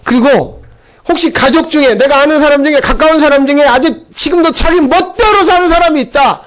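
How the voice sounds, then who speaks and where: A middle-aged male pastor giving a conversational sermon, chatty and animated, acting out voices as he goes. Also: extremely high pitch, brisk.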